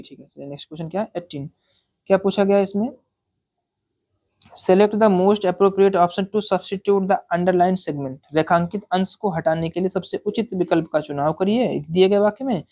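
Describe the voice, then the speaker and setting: A woman teaching an exam-prep English lesson. She reads English sentences out slowly, explains each one in Hindi, and keeps checking in with the listener. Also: lowish voice, darkish tone.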